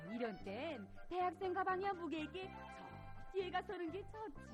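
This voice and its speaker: Quick-to-bristle North Korean mother and worker, high, very animated drama delivery. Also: music in the background. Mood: indignant. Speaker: actor. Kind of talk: North Korean film or stage drama acting.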